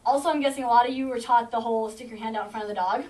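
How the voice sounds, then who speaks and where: A woman's voice: on the high side, steady tone, a little mellow. A woman who trains shelter dogs, teaching a group of volunteers with confidence and acting out what the dog thinks. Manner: confident, explains with quick acted-out dog thoughts. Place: indoor room at an animal shelter. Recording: distant camera mic, faint noise.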